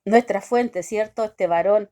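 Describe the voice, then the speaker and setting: A woman giving a devotional sermon, talking haltingly with many restarts and constant questions tagged to her listeners. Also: mid-range voice, warm tone. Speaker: preacher.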